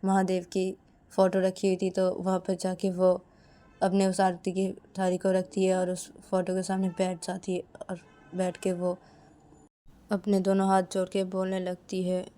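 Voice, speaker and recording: A woman's voice: lowish voice, completely flat delivery, moderate pace, mellow. A woman narrating a story casually in plain, repetitive sentences. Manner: plain, repetitive, "to tabhi" links.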